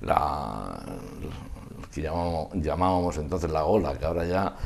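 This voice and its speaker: An older man reminiscing in an interview, discursive and halting, often trailing off mid-thought. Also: rumbling low, creaky, a little hiss or hum. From Spain. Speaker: interview guest, festival proclamation speaker.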